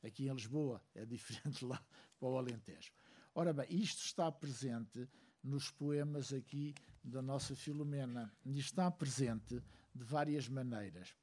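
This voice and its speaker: A man from Angola giving a reflective speech to a seated audience, measured and full of hesitant pauses. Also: medium pitch, a little mellow. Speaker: speaker at a book launch.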